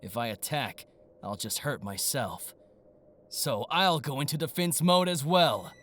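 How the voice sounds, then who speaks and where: An actor plays an arrogant, gloating young male card-game villain in an anime-style audio drama, theatrical and taunting, swinging between sly murmurs and shouts. His medium-pitched voice is expressive at a measured pace, and the mood is smug and scheming.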